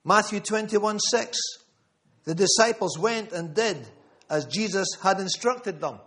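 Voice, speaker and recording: A man's voice: sits high, measured pace, fairly bright tone. A man preaching a sermon to a room, emphatic, repeating key phrases and calling on listeners by name. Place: church gathering room.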